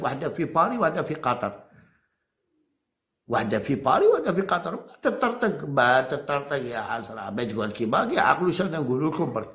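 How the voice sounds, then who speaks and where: A man's voice: on the high side, echoey room. A man with an Algerian Arabic accent giving a heated monologue to his viewers, combative and repeating his phrases to challenge listeners. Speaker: football commentator vlogger.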